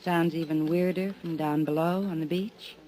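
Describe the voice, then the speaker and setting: A woman's voice: low voice, fairly even intonation, moderate pace, mellow, natural voice. An actress playing a teasing, mysterious woman on vacation in a 1950s radio drama. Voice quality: coy, teasing. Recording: old radio recording with music.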